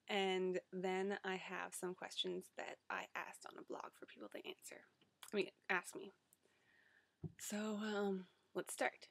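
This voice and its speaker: Creaky-voiced young Canadian woman, chatting casually. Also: medium pitch, no echo. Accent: Canadian, Ontario. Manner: hesitant, rambling with asides. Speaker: vlogger, website story editor. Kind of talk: casual chat to camera.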